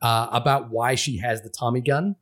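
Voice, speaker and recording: A man's voice: mid-range voice, steady tone, moderate pace, a bit bright. A man from Fiji, a podcast co-host, talking through a film in casual, rambling chat full of restarts and fillers.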